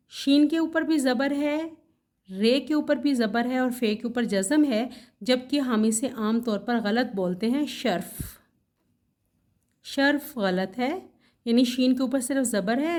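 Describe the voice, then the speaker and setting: A woman teaching correct word pronunciation in a vlog lesson, spelling out each word slowly and carefully, correcting herself with casual asides. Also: fairly high pitch, darkish tone. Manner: slow, careful spelling out of words letter by letter. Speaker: Urdu language teacher.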